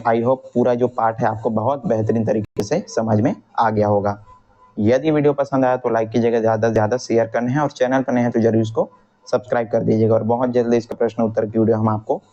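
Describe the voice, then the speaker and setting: Mellow-voiced man teaching a Hindi lesson. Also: mid-range voice. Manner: retells each quoted line in plain everyday words. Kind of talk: explaining a textbook lesson. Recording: dull lo-fi recording.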